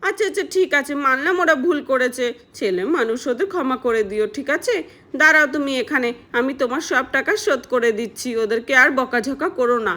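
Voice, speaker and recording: A woman's voice: high voice, fairly quick, pushed and bright. A woman voicing a soothing, reasonable mother in a doll-play story. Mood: calm. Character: calm, kind village mother.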